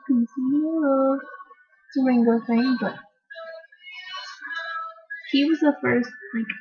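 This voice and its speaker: Gushing high-voiced teenage girl. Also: slightly rough, lo-fi sound. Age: teens. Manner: gushing, rambling and excitable. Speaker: vlogger. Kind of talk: casual vlog rant.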